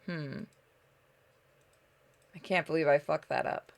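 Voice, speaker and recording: A woman with a low voice and vocal fry talks slowly while game music plays. As a gaming streamer on a playthrough, she moves between theatrically narrating the game's story text and chatting casually with her viewers.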